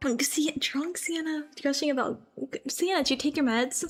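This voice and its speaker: High-voiced playful woman streamer. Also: moderate pace, soft background music. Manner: playful, giggly, swings into silly voices. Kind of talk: casual chat with viewers. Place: grandmother's house.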